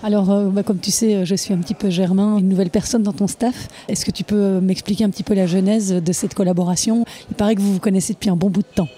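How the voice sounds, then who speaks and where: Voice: medium pitch, fairly even intonation, fast talker, hardly any pauses, warm tone. A podcast host interviewing tennis figures, asking friendly questions with frequent fillers.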